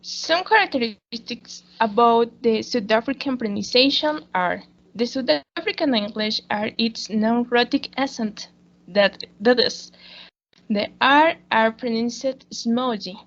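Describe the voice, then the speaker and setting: A woman reads a school presentation slowly and carefully, stopping to restart words. Her voice sits a little high with a gravelly edge. The recording is dull and lo-fi. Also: expressive. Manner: slow, careful reading with small restarts. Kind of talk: read-aloud school presentation.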